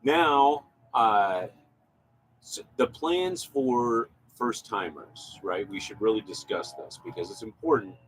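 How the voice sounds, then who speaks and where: Animated low-voiced man chatting. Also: takes it slowly, slight background noise, rough recording. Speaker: co-host, photographer. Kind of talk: casual chat.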